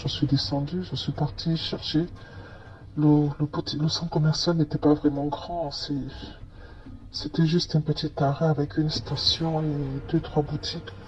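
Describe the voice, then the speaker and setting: A man's voice: on the high side, a little mellow, highs cut off. Hesitant man telling a story. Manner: hesitant, many fillers and restarts. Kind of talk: first-person testimony narration.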